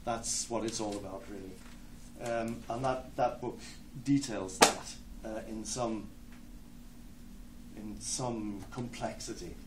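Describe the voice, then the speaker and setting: A man with an Irish accent and a slightly low voice reads his poems aloud, pausing on ums between phrases and slowing over each line of verse. He is recorded from a distance in an echoey hall, with noise clearly audible behind him. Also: fairly even intonation. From Ireland. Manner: hesitant, many ums between phrases, slow deliberate verse. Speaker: poet. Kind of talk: poetry reading with spoken introductions. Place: lecture hall with an audience.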